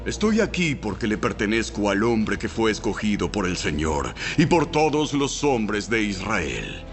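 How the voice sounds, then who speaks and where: A man's voice: on the low side, very animated, measured pace. Shrewd male royal advisor in a bible drama, persuasive, theatrical, voice moves all over, music under it. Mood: earnest, loyal. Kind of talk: dramatized audio Bible acting. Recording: music behind.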